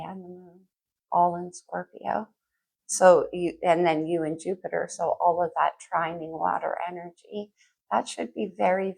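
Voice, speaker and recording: A woman astrologer gives a casual tarot reading, musing aloud and speaking directly to the listener in a conversational way. Her voice is on the low side, with vocal fry and a breathy edge, and her speech comes through slightly muffled.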